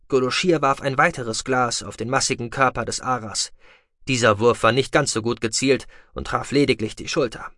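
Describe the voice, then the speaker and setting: A male narrator reads a science-fiction audiobook in a steady, measured way. His voice is bright and sits at a middle pitch. The recording is close and dry, with no room sound. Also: no echo.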